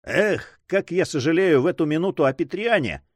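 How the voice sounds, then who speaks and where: A man voicing a cheerful, calm buccaneer friend in a read-aloud adventure story. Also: a little high, normal speed, dry recording, studio quality, pitched above the performer's own voice. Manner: cheerful, easygoing.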